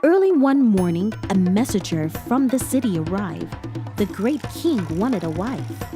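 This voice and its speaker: A woman hosting storytime for children, reading and commenting in an expressive, emphatic, animated way. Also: medium pitch, measured pace, music in the background.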